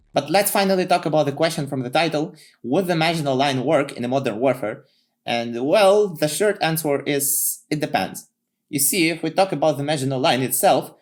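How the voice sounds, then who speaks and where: Man, casual video narration, sarcastic, profane, mid-pitched voice. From Ukraine. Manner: sarcastic, profane, laughs at own jokes. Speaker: YouTube history narrator.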